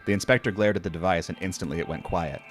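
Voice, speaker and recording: An older man gives wry, profane horror story narration. His voice sits deep and low. Faint eerie music plays underneath. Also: fast talker.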